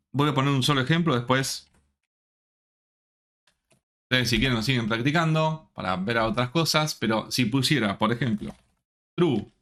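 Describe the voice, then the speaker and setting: Slow-talking teacher. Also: male voice, medium pitch, a bit bright. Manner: slow, checks in often with the students. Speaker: programming teacher. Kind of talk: live online class.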